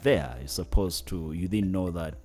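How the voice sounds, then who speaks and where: Faint music accompanies a low-pitched, slightly mellow man speaking at normal speed. He's an earnest interview guest, a climate activist from northern Uganda with a Ugandan English accent, who often has to search for his words.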